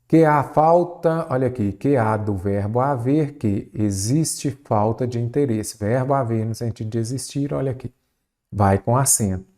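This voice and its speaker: In this exam-prep video lesson, a man coaches viewers on Brazilian Portuguese spelling, peppering them with rapid rhetorical questions. His mid-range delivery is lively, with a shifting pace.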